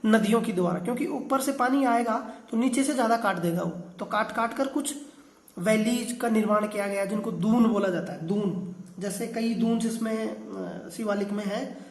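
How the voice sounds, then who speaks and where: A man's voice: sits high, moderate pace, vocal fry, roomy sound. A man teaching a geography class, explaining step by step, often asking a question and then answering it himself. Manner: explanatory, repeats key terms.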